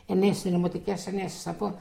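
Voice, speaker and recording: An older woman telling a life story in a halting, rambling way, full of restarts and quoted dialogue. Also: on the low side, level tone, dark tone. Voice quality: gravelly. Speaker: interviewee. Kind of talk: oral history recollection.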